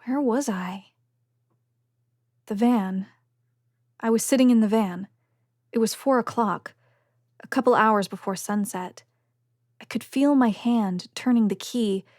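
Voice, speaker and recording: A woman narrates a novel in the first person, her delivery measured and steady, easing into a hushed whisper in the quiet moments. Her voice sits at an ordinary middle pitch. The recording is dry and close, with no room sound around her. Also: dry recording. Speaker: audiobook narrator.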